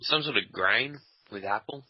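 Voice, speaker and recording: A man's voice: lowish voice, moderate pace, breathy edge, dry recording. A man casually chatting and teasing his co-host while they play a game together at his computer, swearing freely. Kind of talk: casual gaming chat. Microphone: desk microphone. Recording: dull lo-fi dry sound.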